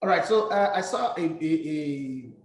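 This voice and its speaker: A man, a young adult, hosting a radio sports show in a smooth radio host manner. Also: on the high side, animated, measured pace. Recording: roomy echoey studio sound.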